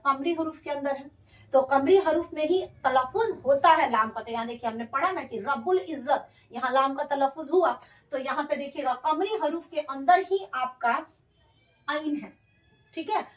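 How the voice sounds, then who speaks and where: A woman's voice: high-pitched, roomy sound, recorded from a distance, low-quality recording. A woman teaching a grammar lesson, patiently explaining and repeating terms and asking and answering her own questions. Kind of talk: classroom-style grammar lesson.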